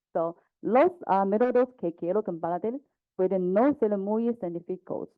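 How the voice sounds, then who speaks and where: A woman teacher with a Chinese accent giving a conference talk, speaking haltingly, mixing languages and often asking "ok?". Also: medium pitch. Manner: halting, mixes languages, frequent "ok?". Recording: tinny phone-like audio.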